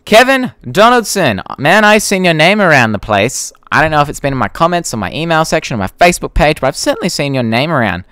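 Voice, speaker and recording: Speaking fast with few pauses, this young Australian man hosts a live Q&A on YouTube, bluntly reading viewer comments and swearing casually. His voice is on the high side and sing-song, sharp yet clear and resonant, with no echo.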